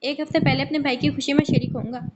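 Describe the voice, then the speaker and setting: A woman's voice: sits high, fairly even intonation, fast talker, muffled recording, heavy background noise, close to an everyday voice. A woman voicing a friendly young man who works in a factory and likes to joke. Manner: friendly, teasing. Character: cheerful young man, factory worker, joking.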